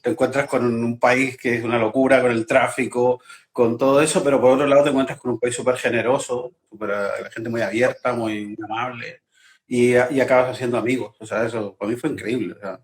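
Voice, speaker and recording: A man's voice: mid-range voice, fairly even intonation, a little fast. Chilean-born man chatting on a video call. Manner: talkative, searching for words with many restarts. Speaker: guest. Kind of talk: casual video-call chat.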